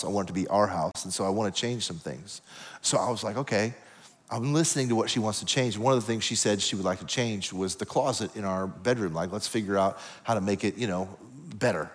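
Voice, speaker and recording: Man preaching a confessional sermon in a reverberant hall. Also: on the low side. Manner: conversational, confessional storytelling with audience asides. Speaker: pastor.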